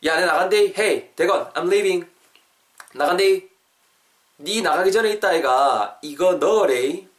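A man's voice: high voice, unhurried, pitched above the performer's own voice. A man voicing a casual young male roommate, offhandedly telling someone to do a chore. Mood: offhand. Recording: roomy and distant from mic.

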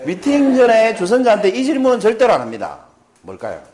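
A man's voice: sits high, wildly swooping pitch, quick pace, darkish tone. A middle-aged man giving a lecture, playful and joking as he quizzes his audience. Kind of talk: lively lecture with audience questions.

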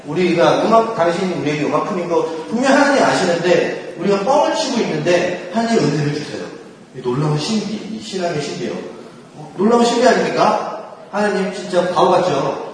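A man's voice: sits high, sing-song, brisk, slight background noise. A man giving a casual faith talk to a group, often laughing and acting out quoted prayers and thoughts. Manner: laughs often while talking. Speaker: speaker at a church gathering. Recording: echoey hall from far off.

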